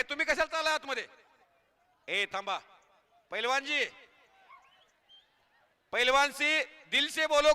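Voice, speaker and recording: A man from Maharashtra announcing a wrestling match live over a loudspeaker, calling moves, prize money and scolding the crowd in an excited, shouting manner. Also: very high-pitched, clear, resonant tone. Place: outdoor wrestling ground.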